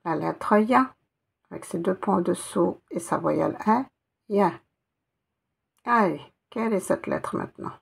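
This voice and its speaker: A woman's voice: lowish voice, sing-song, measured pace, vocal fry, long pauses, husky. A woman teaching Arabic letters one by one, patiently spelling out each sound and repeating it. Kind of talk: step-by-step reading lesson.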